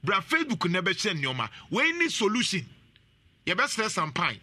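A man hosting a talk show, giving animated, casual commentary and laughing often. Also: high-pitched, normal speed. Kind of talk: casual commentary mixing Twi and English.

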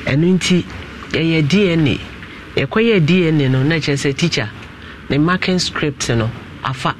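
Animated Ghanaian pastor, higher voice. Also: male voice, normal speed, slight background noise. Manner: animated, coaxing, questioning. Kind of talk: mediating a family dispute on a broadcast.

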